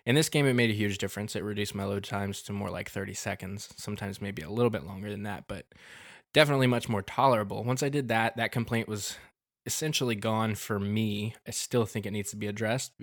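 A man's voice: fairly low pitch, a little fast, dry recording, studio quality. A man co-hosting a gaming podcast, talking casually with lots of ums and restarts. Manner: rambling, many ums and restarts, relaxed. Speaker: podcast co-host.

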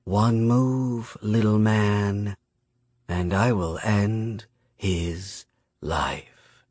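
A man acts out a cold, contemptuous female spirit, a storybook villain who purrs threats very slowly and sounds predatory and mocking. The voice is on the low side and a little mellow, recorded close and dry with no room sound.

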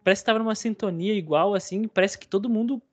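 A young Brazilian man with a Brazilian Portuguese accent, talking in a dry, measured way in a casual podcast chat. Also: high voice. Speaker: podcast co-host.

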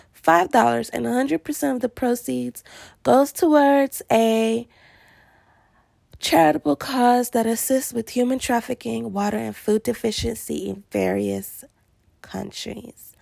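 A woman's voice: on the high side, fairly even intonation, unhurried, creaky, darkish tone, no room sound. A woman hosting a casual solo podcast, chatty and rambling, laughing often and stretching out her greetings. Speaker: podcast host.

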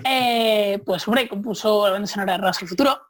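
A man's voice: high voice, fairly quick. A man from in a casual podcast chat about film music, modest and a little hesitant. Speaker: podcast co-host.

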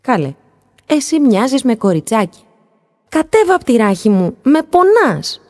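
A woman voicing a grown male dolphin in a children's story, shouting exasperated complaints in a raised voice. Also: fairly high pitch, big pitch swings, voice pushed up. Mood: pained. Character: flustered grown male dolphin, easily pained. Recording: long hall reverb.

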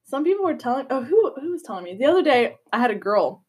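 Young woman, casual podcast host; giggly, jokey, swears a lot, lively high voice. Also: fast talker, husky. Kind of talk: casual chat.

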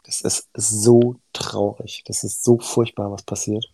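Gravelly, dark-voiced man speaking frankly. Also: fairly low pitch, little pitch movement, unhurried, no echo, low-quality recording. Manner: frank, earnest, blunt. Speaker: heart surgeon guest. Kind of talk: candid podcast conversation.

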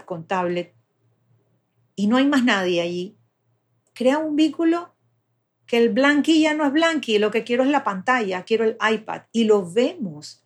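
Woman calmly walking through how babies bond, mid-pitch voice, easy explaining tone. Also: slightly rough. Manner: patient, explaining step by step. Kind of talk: explanatory conversation.

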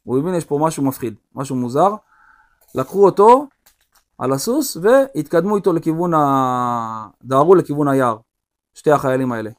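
A male rabbi telling a story during a religious lesson, in an animated storytelling manner. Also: a little high.

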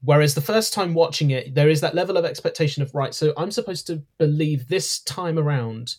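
A man's voice: fairly high pitch, brisk, darkish tone. Chatty man with ums. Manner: hesitant, many ums, self-correcting. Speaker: podcast co-host. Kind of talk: casual review chat.

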